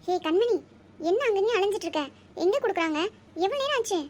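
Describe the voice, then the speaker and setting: A fretful young elder sister, voiced by a woman, speaks in a very high, squeaky voice. She keeps asking anxious questions. It is a cartoon role. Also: expressive, quick pace, darkish tone.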